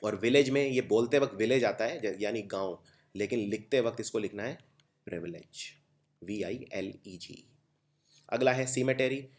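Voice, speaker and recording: A man's voice: on the low side, moderate pace. Indian man spelling words aloud. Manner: explains step by step, spells words out letter by letter. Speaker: teacher. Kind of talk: exam-prep vocabulary lesson.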